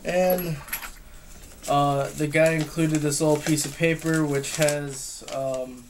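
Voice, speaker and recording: In this clearly noisy home recording with clicks, a young adult talks through a gear review off the cuff, sitting at home with the camera across the table. His fairly high voice is steady and slow, his manner hesitant and matter-of-fact.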